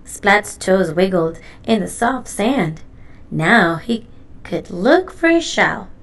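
A children's storybook is read aloud by a woman whose mid-range voice narrates in an expressive, unhurried, deliberate manner.

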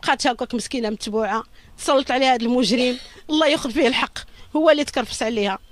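A woman's voice: fairly high pitch, racing. A middle-aged woman with a Moroccan Arabic accent gives an emotional interview as a victim's mother, talking in an urgent, lamenting and pleading way.

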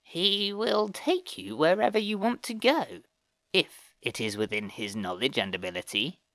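A man voicing a wise, calm elder fae woman in an audiobook, speaking slowly in a measured, formal way. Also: on the high side, dry recording, voice pushed up, heavily acted. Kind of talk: audiobook character voice.

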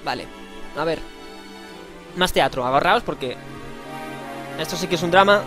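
A man's voice: on the high side, normal speed. A man with a Spanish accent giving casual, playful gameplay commentary, joking and exclaiming as he plays. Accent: Spain. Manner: playful, slangy, jokes and exclaims while playing. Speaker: let's play host. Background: faint game music.

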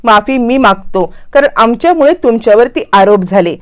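A stern elderly patriarch who lectures and scolds his family with firmness, spoken by a woman retelling the scene. The voice sits a little high, and the delivery stays plain and firm. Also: expressive, moderate pace, natural voice.

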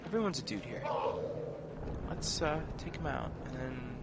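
Over video game music and sound effects, a man plays through a game and delivers casual, dryly sarcastic commentary as a let's player. He talks at a normal speed in an expressive, gravelly, medium-pitched voice, and the recording is very noisy.

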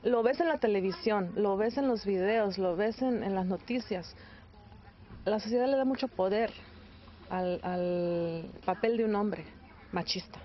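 A woman's voice: medium pitch, unhurried, highs cut off, slight background noise. A Mexican-born woman in her thirties, interviewed outdoors and speaking candidly and reflectively. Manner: candid, reflective, laughs easily. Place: outdoors by trees and a beach.

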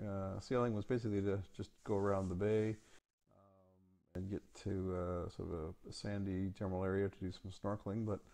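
A man giving a casual, halting voice-over for his holiday photos, with many ums and uhs. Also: sits low, little pitch movement, dark tone. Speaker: travel vlog narrator.

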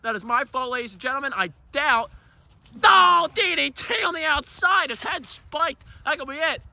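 A man giving excited, joking play-by-play commentary on a wrestling match and shouting out the count. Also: very high voice, normal speed, creaky, no echo.

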